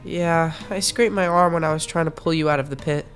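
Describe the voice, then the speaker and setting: A woman's voice: low voice, fairly even intonation, brisk, soft background music, lightly acted. A woman voicing an anxious but brave young boy in a comic dub, earnest and hesitant. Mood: apologetic.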